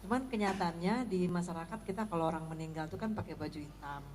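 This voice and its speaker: A woman's voice: fairly low pitch, fast, a little mellow, slight background noise. A woman from the audience putting polite, hesitant questions to a preacher, with many fillers. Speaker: audience member asking questions.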